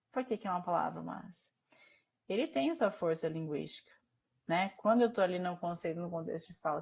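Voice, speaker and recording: Brazilian woman teaching an online class. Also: on the low side. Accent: Brazilian Portuguese. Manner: explanatory, asks students questions often.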